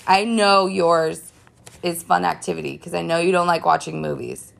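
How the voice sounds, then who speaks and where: Stuffed-up woman cohost, soft and kinda gravelly, casual chat. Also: on the low side, steady tone, normal speed. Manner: soft-spoken, quieter. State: congested. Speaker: podcast co-host.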